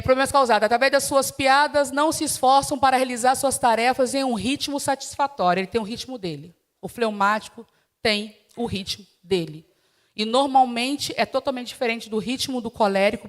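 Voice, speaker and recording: A Brazilian woman teaching a church class in an animated way, acting out household scenes in different voices. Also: fairly high pitch. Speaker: Sunday school teacher. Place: church hall.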